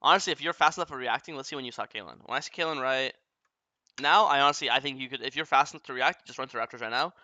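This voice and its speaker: A young man coaches over a game replay, bluntly and rapidly explaining each mistake with casual profanity. His medium-pitched voice is bright and forward, recorded dry with no echo and a slightly dull, muffled top end.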